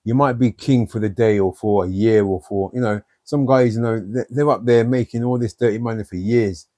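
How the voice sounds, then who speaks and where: A man's voice: on the low side, a little fast, dark tone, no echo, studio quality. A man telling blunt, streetwise stories from his own life in an interview. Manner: blunt, streetwise storytelling with many "you know"s. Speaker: guest.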